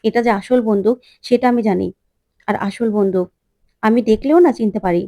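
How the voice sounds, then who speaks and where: A woman's voice: on the high side, brisk, mellow, no echo, clean studio sound, close to an everyday voice. A woman reading the lines of a tough young woman archer in a retold TV serial, blunt and challenging.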